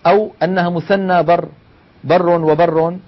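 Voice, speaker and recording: A man's voice: sits high, steady tone, moderate pace. A man teaching Quran recitation, repeating and explaining each point step by step and asking his listeners rhetorical questions. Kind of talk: explanatory lesson. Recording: slightly dull lo-fi recording.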